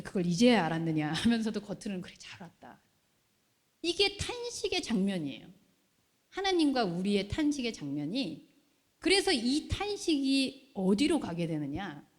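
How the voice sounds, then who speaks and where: A woman pastor preaching a sermon in a lively way, often putting questions to the congregation. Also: on the high side. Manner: animated, asks the congregation questions. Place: church hall. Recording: long hall reverb.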